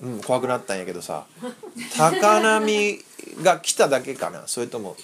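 Animated male preacher acting out the story. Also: medium pitch, normal speed, noisy background. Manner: animated, acts out voices, quizzes the audience. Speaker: pastor teaching children. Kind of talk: lively Bible lesson.

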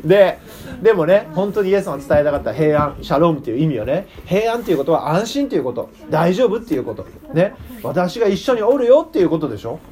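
A pastor with a Kitakyushu accent gives a children's sermon in a high, mellow voice. His pitch swings widely as he plays with the story. He keeps pulling the listeners in with questions. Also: sing-song, quick pace. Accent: Kitakyushu Japanese. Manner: playful, asks the listeners questions.

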